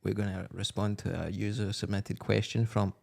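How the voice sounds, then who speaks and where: Man, podcast co-host, gravelly voice, lowish pitch, dry deadpan asides. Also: normal speed. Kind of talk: casual banter.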